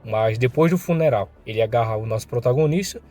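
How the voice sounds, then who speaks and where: A man with a Brazilian accent tells a comic story in a recap style. His voice is dark and mellow at an ordinary pitch. When the thugs speak, he pushes his voice higher and louder to act out their lines. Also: lively intonation, fast talker, faint music behind. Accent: Brazilian Portuguese. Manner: voices thug dialogue with rising pitch and force. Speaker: manhwa recap narrator.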